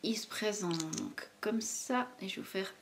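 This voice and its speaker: Young woman, beauty vlogger, casual chatty delivery, mid pitch, faint background hiss. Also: very animated, moderate pace, creaky. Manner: chatty, hesitant with many fillers. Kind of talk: casual product review chat.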